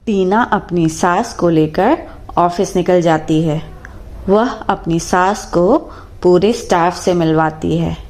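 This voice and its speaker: A woman narrating a scripted cartoon story in a slow, steady storytelling manner. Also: lowish voice, slight background noise.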